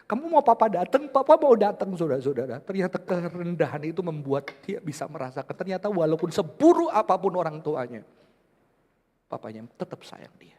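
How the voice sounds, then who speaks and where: A man preaching a sermon to his congregation in a church, swinging from loud impassioned peaks down to hushed whispers. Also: on the high side, animated, fairly quick. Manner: addresses the congregation repeatedly as brothers and sisters. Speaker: pastor. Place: large church hall. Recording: reverberant church hall.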